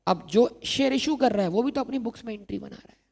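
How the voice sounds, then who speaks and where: Male exam-prep lecturer, dark and gravelly tone, repeats key terms as he drills students. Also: very high voice, fast talker. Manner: asks rhetorical questions and answers them himself, repeats key terms. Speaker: accounting lecturer.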